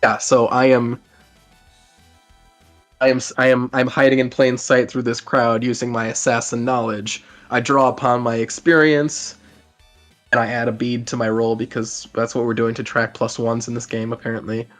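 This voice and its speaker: A man with a mid-pitched voice talks about tabletop games in a loose, rambling way. He leans on "like" and swears casually. Faint music plays underneath. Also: little pitch movement, normal speed. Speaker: co-host reviewing a tabletop game. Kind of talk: casual podcast chat.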